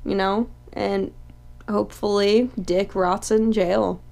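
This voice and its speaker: A young woman co-hosting a casual podcast, talking at an everyday middle pitch. She fills her sentences with likes and ums and swears freely. She keeps a loose, conversational tone with her co-host. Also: steady tone, takes it slowly, creaky, a little mellow. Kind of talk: casual chat.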